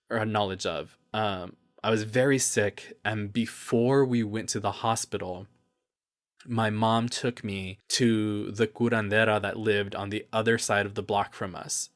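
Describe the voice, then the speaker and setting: A man's voice: fairly low pitch, a bit bright. A man hosting a personal podcast, speaking in an earnest, reflective, openly emotional way with loose, rambling asides. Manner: loose, rambling asides between read passages. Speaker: podcast host.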